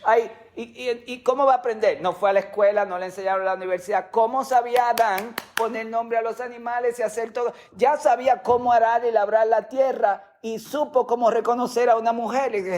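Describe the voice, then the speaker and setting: A man's voice: very high-pitched, fairly even intonation, brisk, few pauses, darkish tone. A man preaching a sermon as a pastor, teaching with rhetorical questions and sometimes repeating words as he goes.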